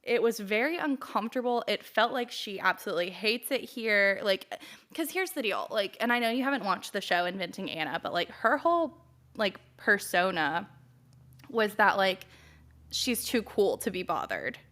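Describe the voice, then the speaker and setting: A young woman co-hosts a casual podcast, talking in a chatty run with many fillers. Her voice is bright and clear. She slips into little acted-out quotes as she talks. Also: mid-range voice, animated, moderate pace. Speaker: podcast co-host. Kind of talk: casual chat recap.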